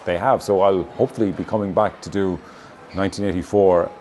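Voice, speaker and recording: A man's voice: low-pitched, fairly even intonation, brisk, darkish tone. A man from Galway with a west of Ireland accent, answering interview questions as a stage actor and often feeling for his words. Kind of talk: interview answers about own work. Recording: clearly noisy location recording with ambience.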